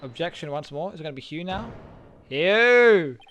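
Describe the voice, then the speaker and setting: A streamer giving loud, excitable, profane live commentary while playing a game. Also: mid-range voice, racing, lo-fi sound.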